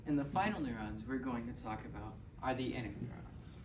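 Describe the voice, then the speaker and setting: A man delivers a scripted hard-sell infomercial pitch at a middling pitch. He stumbles and repeats himself as he goes. The recording is roomy and noisy, with the mic some way off. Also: expressive, fairly quick, far from the mic. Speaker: presenter in a mock infomercial.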